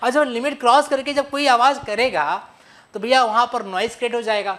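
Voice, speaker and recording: A man's voice: very high-pitched, fairly even intonation, brisk, bright, forceful tone. A young man giving a playful physics revision lecture, often asking his students questions and answering them himself. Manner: playful, calls students buddy and kids. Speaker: physics teacher.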